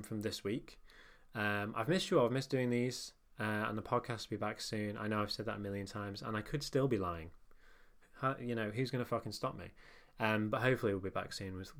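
A young man with a nasal voice reads his own newsletter aloud in a casual, wry tone, with swearing and self-mocking asides. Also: fairly low pitch. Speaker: newsletter narrator and podcast host.

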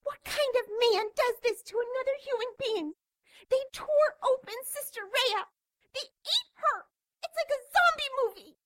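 A woman playing a terrified young nun in an audio drama, crying out in a contained, panicked shout. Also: very high voice, animated, measured pace, dry recording, full character voice. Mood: horrified.

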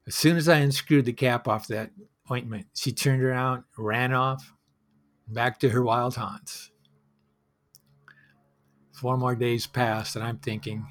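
Hosting his own solo storytelling show, a reflective man tells personal stories in monologue form. His voice is mid-range and a bit bright.

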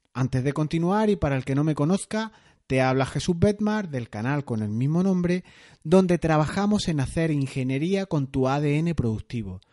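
A man's voice: a little high, dark tone. A man hosting a solo podcast, explaining in a conversational way with occasional fillers. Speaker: podcast host.

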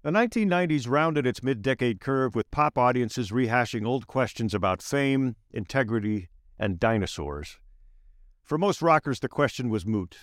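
A man reading aloud his own essay in a measured, wry narration with slowed emphatic phrases. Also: medium pitch, expressive, dry recording, clean studio sound.

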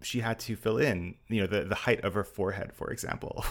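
A male podcast interviewer asks his questions in a halting, slightly apologetic way. His voice is low and carries a lot of gravelly fry.

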